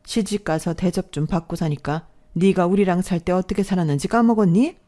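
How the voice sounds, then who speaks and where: Brief: woman playing a demanding, greedy stepmother in a storybook drama, low and mellow. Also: fairly quick, natural voice. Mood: pushy. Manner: pushy, demanding. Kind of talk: storybook dialogue reading.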